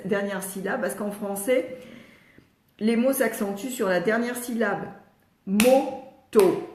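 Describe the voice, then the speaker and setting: An older woman with a French accent, a speech therapist answering live questions, patiently sounding out letters and syllables and pausing often to read viewers' questions. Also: medium pitch, darkish tone, echoey room. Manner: reads viewers' questions aloud, frequent hesitations. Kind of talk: live Q&A teaching.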